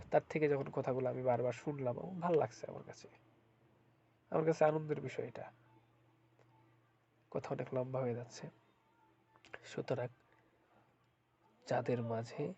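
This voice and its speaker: A man's voice: mid-range voice, creaky, warm tone, breathy edge. A man with a cold-blocked, congested nose, giving an informal religious talk as a spiritual healer, often repeating his phrases and asking rhetorical questions. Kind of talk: informal religious talk to viewers, with Quran recitation. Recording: dull, lo-fi sound.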